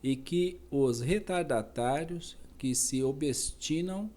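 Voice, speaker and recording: Slow, dark-voiced man reading aloud. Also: on the high side. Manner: slow, careful reading with self-corrections and asides. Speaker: reader. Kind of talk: reading a philosophy text aloud.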